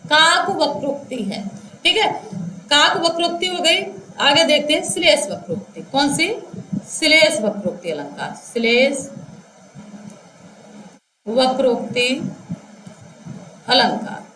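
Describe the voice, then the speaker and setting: A high, bright-voiced woman teaches a class at an unhurried pace. She dictates slowly, repeating each phrase word by word and calling her students children. The sound is echoey, with a faint room hum behind her. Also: lively intonation. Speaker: Hindi teacher. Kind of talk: classroom lecture explaining grammar.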